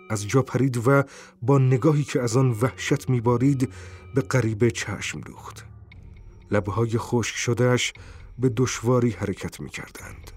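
A man narrating an audiobook in a measured, even storytelling way. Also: medium pitch, husky.

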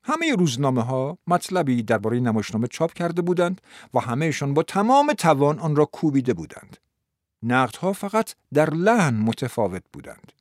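Guy reading an audiobook, lively dramatic storytelling, dry close sound. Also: a little high, no room sound. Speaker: narrator. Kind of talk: audiobook narration.

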